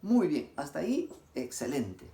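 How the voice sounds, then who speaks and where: A male teacher, recorded a little away from the mic in a roomy, echoing space. His voice is mellow and dark. He asks his pupils questions, pauses, and answers them himself with warm praise. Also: on the high side, wildly swooping pitch, far from the mic. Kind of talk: recorded classroom lesson.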